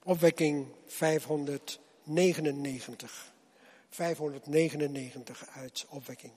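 A man preaching a sermon to his congregation, slow and husky, his voice swelling loud and then dropping low as he calls them to come. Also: fairly even intonation. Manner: slow, swelling and dropping loudness with repeated appeals. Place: church hall. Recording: long reverb of a church hall.

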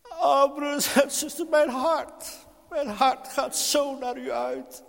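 A man's voice: extremely high pitch, fairly even intonation, takes it slowly, gravelly. A man preaching a sermon to his congregation, impassioned and crying out pleas to God, recorded in a church hall. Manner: repeatedly addresses the congregation. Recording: reverberant hall.

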